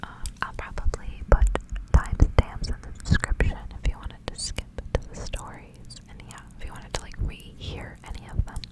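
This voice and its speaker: This is an ASMR-style woman who never rises above a whisper, reading in a soft, hushed, gentle manner fit for stories. She keeps a moderate pace, and the recording is rough.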